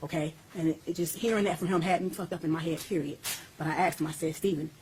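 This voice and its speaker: A woman's voice: deep voice, steady tone, quick pace, a little mellow, a little hiss or hum, poor audio. A woman being interviewed, speaking intensely and bluntly, with coarse language and a voice that climbs when she gets heated. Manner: intense, blunt and profane, voice rising as she recounts. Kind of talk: recorded interview.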